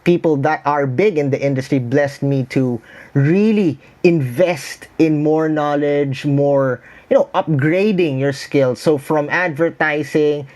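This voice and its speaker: A man's voice: a little high, measured pace, a little mellow. A man with a Filipino accent, speaking as a consultant in an explanatory interview style, building points through repetition and lists. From Philippines. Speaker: branding consultant.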